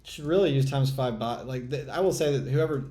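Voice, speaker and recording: A man gives frustrated commentary live while playing a trading game, in muttering, exasperated self-talk with swearing and sighs. He's a trading channel host with a medium-pitched, mellow voice and a slightly fast pace.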